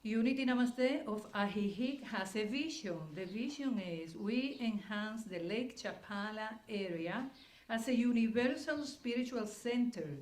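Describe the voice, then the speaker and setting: A woman minister welcomes the congregation and leads a calm opening prayer, slipping into Spanish phrases for parts of it. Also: medium pitch. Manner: calm, unhurried, leads a guided breath and prayer. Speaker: church minister leading the service. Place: church service hall. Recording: echoey hall, faint room noise.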